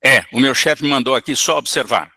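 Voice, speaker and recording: A man voicing an angry, defiant male spirit who has been sent as a henchman, gruff and a bit louder than his normal teaching voice. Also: mid-range voice, brisk, no room sound, clean studio sound. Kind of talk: acted quotes in a lecture.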